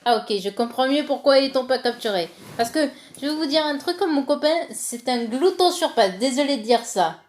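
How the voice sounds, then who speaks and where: A woman's voice: high voice, expressive, moderate pace, hardly any pauses. A woman hosting her own vlog, rambling and teasing her boyfriend in casual chat. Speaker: channel host.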